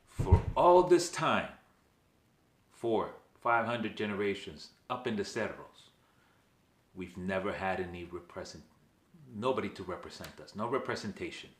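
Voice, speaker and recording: A man's voice: low-pitched, animated, measured pace, reverberant. A man from Venezuela, hosting his own channel, speaking emphatically and often checking in with "okay" and questions to his viewers. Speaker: vlog host. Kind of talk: direct-to-camera commentary.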